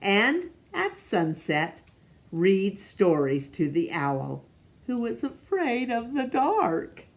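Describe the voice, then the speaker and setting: Reading a picture book to young children, this female storyteller speaks at a medium pitch with huge swings in pitch. She's expressive and stops now and then for questions.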